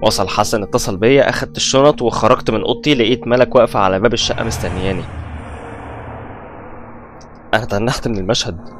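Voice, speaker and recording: A man's voice: on the low side, racing. A man with an Egyptian Arabic accent narrating a first-person horror story in a tense, scripted style. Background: faint background music.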